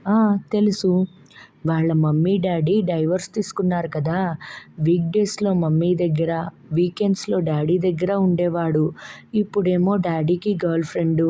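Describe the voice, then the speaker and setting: A woman's voice: on the low side, dark tone, slight background noise, lightly acted. A woman voicing a young grandson who is tearful and earnest, speaking in a childlike, pleading way. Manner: pleading, childlike, sobbing undertone.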